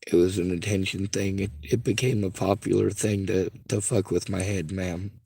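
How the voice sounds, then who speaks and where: A man with a squeaky, strained voice, calling to make an earnest, aggrieved, pleading complaint in distress. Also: fairly even intonation, moderate pace, gravelly, warm tone, slightly rough, dry recording. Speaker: caller.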